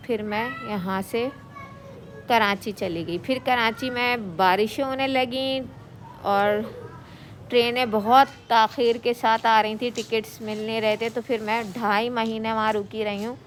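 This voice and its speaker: A woman's voice: a little high, fairly even intonation, a little slow, slight background noise. A middle-aged woman from Pakistan telling her own story in a chatty, rambling way for her vlog. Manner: chatty, rambling, repeats herself. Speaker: vlogger. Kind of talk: casual personal vlog storytelling.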